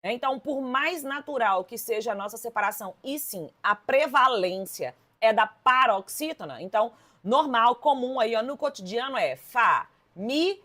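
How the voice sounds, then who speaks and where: A woman's voice: fairly high pitch, moderate pace. Emphatic Brazilian woman teaching a lesson. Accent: Brazilian Portuguese. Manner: lively, emphatic, addresses students directly. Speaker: Portuguese teacher. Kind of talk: exam-prep lesson.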